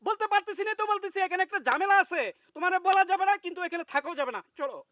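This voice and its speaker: Actor as a bossy, blustering husband who talks fast and runs from coaxing to bullying. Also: male voice, very high-pitched, expressive, sharp tone, no room sound, exaggerated voice. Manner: blustering, quickly shifting from sweet-talk to bullying. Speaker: husband on an outing with his wife. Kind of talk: comedic TV drama acting.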